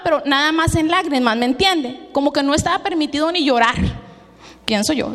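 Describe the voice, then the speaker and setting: High-voiced Mexican woman preaching in a hall. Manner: emotional storytelling that mixes in English words. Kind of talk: personal testimony sermon. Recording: long hall reverb.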